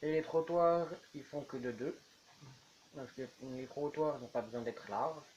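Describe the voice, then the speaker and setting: A man's voice: mid-range voice, unhurried, darkish tone, dull audio, slight background noise. A man chatting casually while building in a game, rambling on as he goes. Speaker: YouTuber. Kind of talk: casual gameplay commentary.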